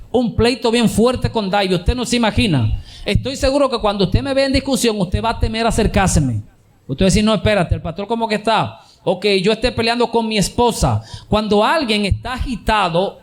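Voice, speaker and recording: Male pastor, fairly high voice, emphatic repetitive sermon delivery with rhetorical questions.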